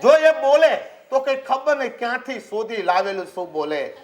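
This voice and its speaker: Lively high-pitched preacher. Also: male voice, moderate pace. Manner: animated, acts out characters in story, laughing asides. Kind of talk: storytelling sermon.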